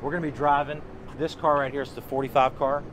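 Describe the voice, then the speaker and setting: An upbeat man in his forties talks straight to the camera at a racetrack, chatty and a little teasing. His voice sits at an ordinary pitch. Heavy outdoor noise and traffic wash over the camera audio. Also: level tone, fast talker. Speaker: vlog host. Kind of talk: casual vlog narration. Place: outdoors at a racetrack and indoors in a training building.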